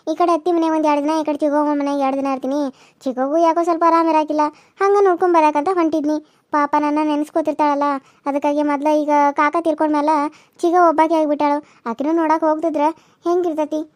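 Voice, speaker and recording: A woman's voice: high voice, no room sound, studio quality, close to an everyday voice. A woman voicing a caring older village woman in a cartoon serial, who consoles and lectures firmly. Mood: reflective.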